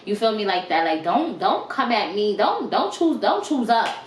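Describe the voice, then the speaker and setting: A young woman telling a storytime vlog, animated, emphatic and full of profanity. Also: medium pitch, normal speed. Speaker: vlogger. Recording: roomy with faint noise.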